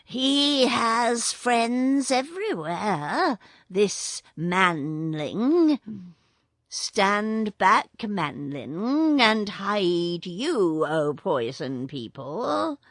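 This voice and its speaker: A woman voicing Kaa, a great male python who speaks slowly and slyly. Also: mid-range voice, very animated, no room sound, studio quality, heavily acted. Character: great old male python, slow and sly.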